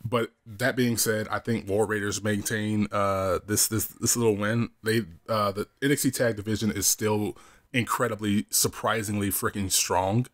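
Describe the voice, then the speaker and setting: A man's voice: fairly low pitch, fairly even intonation, moderate pace, fairly bright tone. A man co-hosting a casual wrestling predictions podcast, rambling with restarts and casual swearing. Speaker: podcast co-host.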